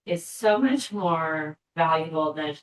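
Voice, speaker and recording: A woman's voice: sits low, lively intonation, slow pace. A woman speaking in a meeting discussion in a casual, conversational way. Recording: echoey room, distant mic.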